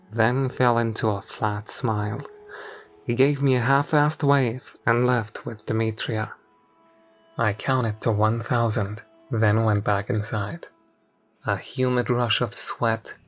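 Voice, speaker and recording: A man reading a first-person horror story aloud in a measured, scripted storytelling delivery. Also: medium pitch. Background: faint background music.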